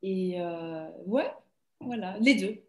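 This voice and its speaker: A woman's voice: medium pitch, animated, takes it slowly, roomy sound. A young woman from Belgium, an actress, chatting casually and laughing often in an interview over a video call.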